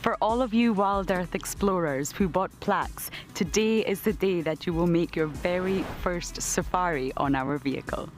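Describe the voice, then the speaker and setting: Woman, safari presenter, lowish pitch, talking to viewers, light music underneath. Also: normal speed, hardly any pauses. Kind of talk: presenting to camera. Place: outdoors in remote African bush.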